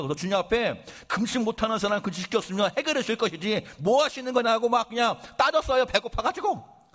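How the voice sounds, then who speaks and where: A male pastor preaching a sermon in an animated storytelling way, firing off rhetorical questions and joking about himself. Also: on the high side, breathy edge. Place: church service.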